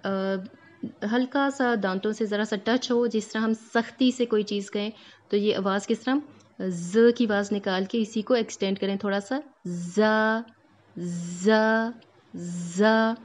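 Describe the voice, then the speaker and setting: Speaking at medium pitch with a darkish tone and fairly even intonation, a woman leads a Tajweed lesson. She explains each letter patiently and step by step, elongates sounds to show how they're recited, and checks in regularly.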